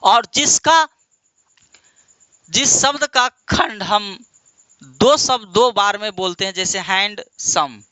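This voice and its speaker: A man from India teaches an English grammar lesson in a high, expressive voice that sounds pushed and bright, with a clean tone and no room sound. He repeats words in drawn-out fashion, quizzes his students call-and-response style, and answers his own questions, calling them "my dear".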